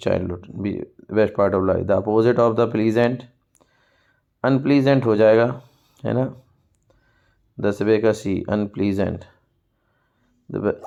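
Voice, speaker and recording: A man with an Indian accent teaching English for an exam. He reads English passages aloud slowly and explains them in Hindi. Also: fairly low pitch, mellow, clear, resonant tone. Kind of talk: exam-prep lesson. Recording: dull lo-fi sound.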